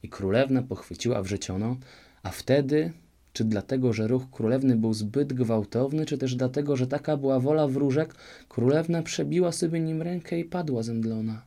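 Gravelly male fairy-tale narrator. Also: medium pitch, normal speed. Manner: expressive, varied reading. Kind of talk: storybook fairy-tale reading.

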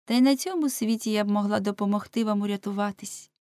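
A woman doing a pious young tavern maid, high and earnest. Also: quick pace, mellow, no echo, close to an everyday voice.

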